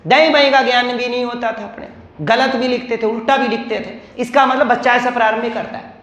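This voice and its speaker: A man's voice: very high-pitched, fairly even intonation, brisk, a bit bright, echoey room. A male teacher giving a classroom lecture, asking questions and answering them himself.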